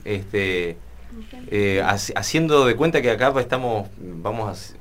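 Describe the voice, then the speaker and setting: A man's voice: fairly low pitch, lively intonation, unhurried, a bit bright. A man hosting a casual radio interview from a studio, friendly and hesitant with frequent restarts. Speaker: radio host.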